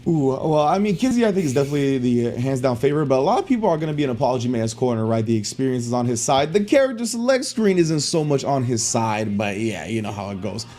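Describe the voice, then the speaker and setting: Fast-talking, mellow male esports analyst. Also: medium pitch, very animated. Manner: analytical, rapid-fire breakdowns. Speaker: esports co-commentator. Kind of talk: tournament commentary.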